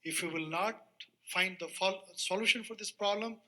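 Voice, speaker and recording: A man's voice: sits high, normal speed, pushed and bright. A man with an Indian accent giving his view as a guest panelist on a talk show.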